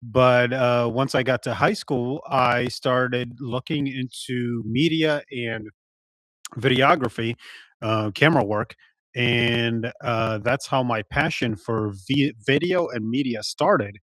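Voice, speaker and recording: Forties guy from Poland, Polish first language, podcast guest, unhurried and reflective, dead-dry mic. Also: medium pitch, a bit bright, dry recording. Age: 40s. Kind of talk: casual interview.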